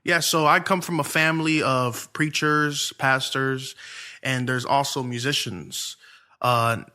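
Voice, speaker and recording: A man's voice: medium pitch, fairly even intonation, slow, sharp tone. A young man from Ohio, a church music minister who is a podcast guest, talking in a laid-back, friendly way with some restarts. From Lorain, Ohio. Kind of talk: casual interview talk.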